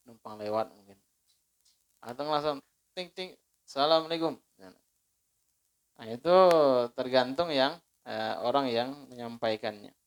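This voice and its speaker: A man with an Indonesian accent teaching an Islamic study circle lesson, slowly drawing out recited phrases and putting questions to his listeners. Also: mid-range voice, clean tone. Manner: slow, drawn-out demonstrations of recited phrases; conversational, asks listeners questions. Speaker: religious teacher.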